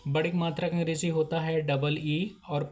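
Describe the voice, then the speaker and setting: A man teaching name spellings step by step, in a slow, repetitive way. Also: on the high side, level tone, darkish tone, soft background music. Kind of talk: handwriting lesson.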